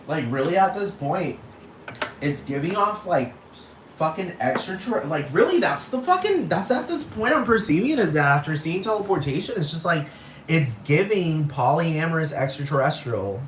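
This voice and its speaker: Here the same young podcast host, Puerto Rican by birth and raised in Texas, speaks at normal speed in a slightly high voice with big swings in pitch. His solo show is a meandering, foul-mouthed rant peppered with "you understand?" A bit of hiss or hum sits in a roomy space with faint background ambience.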